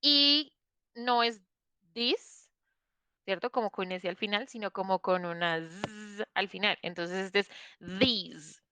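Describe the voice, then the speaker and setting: A woman's voice: medium pitch, moderate pace, bright, forceful tone, smooth, no room sound. A woman teaching an online English class, explaining patiently and checking in often with her students.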